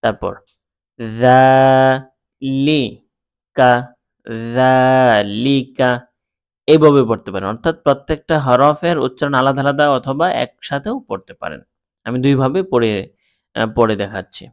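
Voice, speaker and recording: A man with a Bangladeshi Bengali accent teaching Quran reading, calmly spelling out syllables and chanting the words slowly. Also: medium pitch, no room sound, dull audio. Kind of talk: slow spelled-out Quran lesson.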